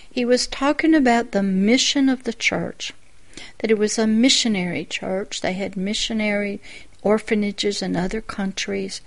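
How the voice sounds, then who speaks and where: A woman pastor giving a sermon-style personal testimony, telling the story in a reflective way with quiet asides. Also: medium pitch, creaky.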